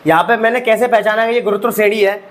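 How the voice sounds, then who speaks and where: Male maths tutor, high pitch, young adult, exam-prep lecture, rhetorical questions. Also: quick pace. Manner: talks students through each step with rhetorical questions; addresses students as bhai sahab. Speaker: maths teacher.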